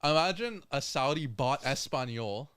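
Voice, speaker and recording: A man co-hosting a casual football podcast who talks in an animated way, full of "like" and quick laughs. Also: mid-range voice, smooth, no echo, clean studio sound. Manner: animated, filler-heavy, laughs while talking. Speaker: podcast co-host.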